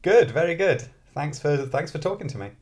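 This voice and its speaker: His voice is fairly high, expressive, brisk, and darkish. The speaker, a British-accented maths professor and author from Britain who grew up in Scotland, chats casually as an interview guest, thinking out loud with self-deprecating humor.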